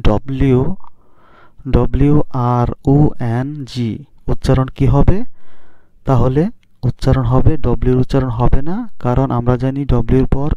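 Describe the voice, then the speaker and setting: Man, teacher, spells letters out one by one, flat even delivery, mellow voice, dry dull lo-fi sound. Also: mid-range voice, no room sound. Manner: spells out letters slowly and asks students questions. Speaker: English teacher. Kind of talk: classroom lesson on phonics rules.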